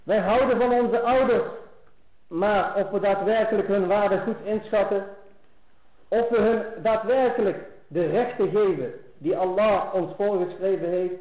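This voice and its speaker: A man with a high voice gives an earnest Islamic lecture, pressing harder on each key phrase. The recording is thin and phone-like, and it echoes as if from a bare room. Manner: earnest, rises in pitch and force on key phrases.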